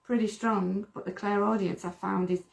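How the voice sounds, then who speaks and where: Co-hosting a casual livestream, a middle-aged medium from the UK talks earnestly, with frequent repeated words. Her creaky, medium-pitched voice keeps a fairly even intonation at a normal speed.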